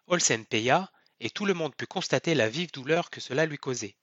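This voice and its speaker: A man narrating a novel aloud in a steady, expressive storytelling manner. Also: on the high side, moderate pace, dry recording, dull audio. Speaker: audiobook narrator. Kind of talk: scripted narration.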